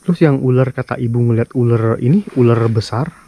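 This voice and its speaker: A man's voice: medium pitch, fairly quick, warm tone, slight background noise. A man hosting a casual vlog, chatting loosely with viewers and interviewing locals outdoors. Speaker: vlogger, host.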